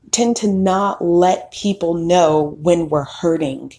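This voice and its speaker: A woman in her thirties, a podcast host, telling her own story in a slow, candid and reflective way. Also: fairly low pitch. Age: 30s. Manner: slow, reflective, candid with occasional soft laughs. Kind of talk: personal storytelling monologue.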